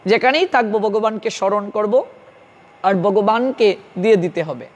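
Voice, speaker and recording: A man's voice: high voice, normal speed. A man with a Bengali accent giving an earnest devotional sermon, instructing listeners directly. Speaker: preacher. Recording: long hall reverb.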